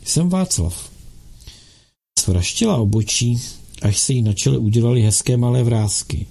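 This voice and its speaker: Gravelly, dark-voiced male storyteller. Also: mid-range voice, fairly even intonation. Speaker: audiobook narrator. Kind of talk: reading a novel aloud.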